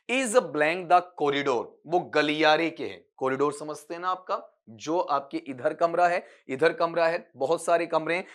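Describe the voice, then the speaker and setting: A male teacher with a slightly high, fairly bright voice gives an exam-prep lecture. He explains things step by step, poses questions and answers them himself, and calls his students "beta."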